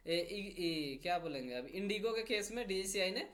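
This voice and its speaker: A man teaching a grammar lesson whose pitch rises and falls a lot as he explains. He moves point by point and checks in after each one. He reads example sentences slowly and deliberately. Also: expressive, a bit bright. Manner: explains step by step, repeating "theek hai" after each point.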